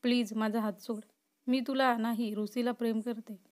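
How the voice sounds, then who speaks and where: A woman's voice: fairly high pitch, little pitch movement, normal speed, natural voice. A woman voicing a frightened young woman held captive, tearful and pleading yet defiant, in a storybook reading.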